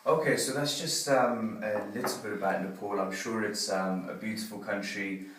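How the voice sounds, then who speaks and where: A male radio presenter interviews a guest in a friendly, rambling way, filling his pauses with ums. His voice sits a little low. He sounds distant from the mic in a reverberant room. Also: fairly even intonation, fairly bright tone. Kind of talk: interview hosting.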